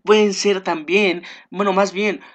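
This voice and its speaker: This is a male preacher delivering a sermon. He reads Bible verses aloud, then explains them in his own words. He often stumbles and restarts, and he slows down to stress key phrases. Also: sits high, fairly even intonation.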